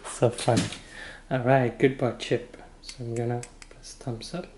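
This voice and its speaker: A man giving a casual hands-on product demonstration, halting and informal as he thinks aloud. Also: mid-range voice, flat delivery, darkish tone, slight background noise. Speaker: product reviewer. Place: indoor room with wooden floor.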